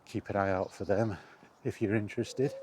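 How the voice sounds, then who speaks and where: Out walking to and in a park, a man with a lowish voice talks casually on his own as a podcast host. The chat wanders, delivered haltingly and quietly with frequent pauses. Outdoor ambience provides a constant background hum.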